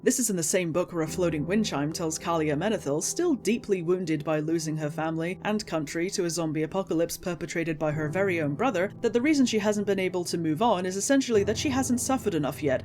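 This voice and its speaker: Casting: woman with a lowish voice for sarcastic, exasperated rant commentary, emphatic and scripted, faint music underneath. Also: expressive, brisk, hardly any pauses. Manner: indignant, sarcastic, emphatic ranting with incredulous outbursts; swears casually. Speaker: video essayist, game story critic.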